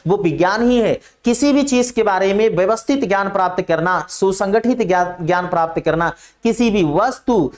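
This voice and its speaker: A man teacher giving an online classroom lecture, repeating and emphasizing key phrases. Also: sits high.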